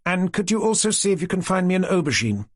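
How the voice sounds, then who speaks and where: A woman's voice: on the low side, very animated, fast talker, husky, dry recording, studio quality, pitched above the performer's own voice. A man voicing a cheerful pregnant woman chatting on the phone, in a chatty, teasing manner.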